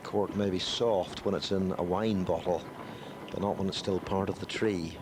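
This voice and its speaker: A man giving measured live television golf commentary, with dry, wry asides. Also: sits low, steady tone, noisy background.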